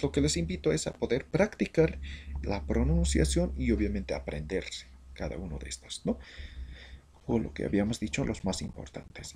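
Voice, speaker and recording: A man from Bolivia teaching a language lesson, reading vocabulary slowly word by word with explanations. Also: medium pitch, vocal fry, dark tone, slight background noise. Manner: slow, deliberate word-by-word drilling.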